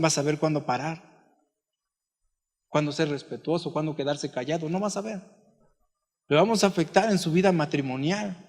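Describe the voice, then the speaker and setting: A pastor giving a conversational sermon full of stories and asides. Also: male voice, on the high side, long reverb tail. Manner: conversational preaching with anecdotes and asides. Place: church.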